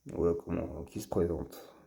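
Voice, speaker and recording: Low gravelly-voiced man showing toy cars. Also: flat delivery, dark tone. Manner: halting, with frequent fillers and restarts. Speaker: toy car collector and channel host. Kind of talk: casual show-and-tell vlog.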